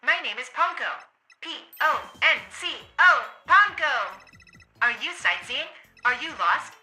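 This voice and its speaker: A cheerful, eager guide robot in a game, as a woman puts on the voice, speaking in a stiff, clipped robot voice. The delivery is sharp and bright, bouncing up and down in pitch. Soft game music plays underneath. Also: sing-song, measured pace, exaggerated voice. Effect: robot voice, put on without filter. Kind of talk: let's play voice acting.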